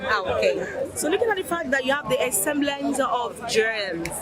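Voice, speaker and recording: A playful woman with a fairly high voice works a crowded outdoor fashion event with a handheld mic. Steady crowd chatter hums behind her as she asks guests about their outfits. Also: moderate pace. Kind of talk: street vox-pop interview.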